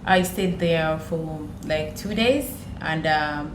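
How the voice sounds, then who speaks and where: Speaking slowly in a low voice, this Ugandan-accented woman tells personal stories in conversation on a podcast, often repeating phrases for emphasis. Her recording has an echoey room sound and clear background noise.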